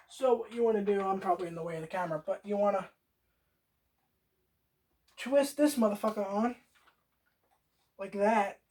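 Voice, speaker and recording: A woman's voice: mid-range voice, moderate pace, pauses often, warm tone. A woman hosting a casual how-to video, rambling, swearing freely and talking straight to the viewer. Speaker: DIY video host.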